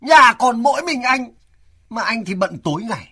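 An actor playing an anxious middle-aged son in a radio drama, talking in a hurried, fussing way with a husky voice. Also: male voice, very high-pitched, lively intonation, pushed and bright, exaggerated voice. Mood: coaxing.

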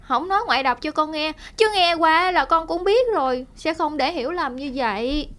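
A woman's voice: high voice, moderate pace. A woman playing a polite young granddaughter. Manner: polite, lively.

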